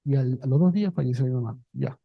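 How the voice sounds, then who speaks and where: A priest with a Peruvian Spanish accent gives a casual, conversational pastoral talk to a parish group, often checking in with "¿no?" and "¿ya?". His mid-range voice moves fast, with vocal fry and a breathy edge. The audio is narrow and tinny, with no echo.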